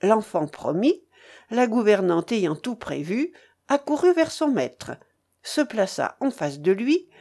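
Slow, expressive woman reading a novel. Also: medium pitch. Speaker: reader.

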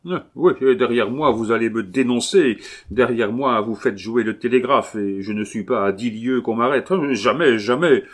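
A man's voice: medium pitch, normal speed, voice pushed up, natural voice. A man voicing a panicking middle-aged male murderer who stammers and pleads frantically. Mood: desperate.

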